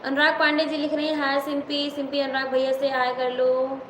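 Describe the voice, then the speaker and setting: A woman's voice: high voice, completely flat delivery, fairly quick, slight background noise. A woman with an Awadhi accent, a folk singer hosting a live stream, reading out viewer comments and greeting viewers by name. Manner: reads out viewer comments and greets them by name between songs. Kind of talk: live stream chat with singing. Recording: echoey room with music behind.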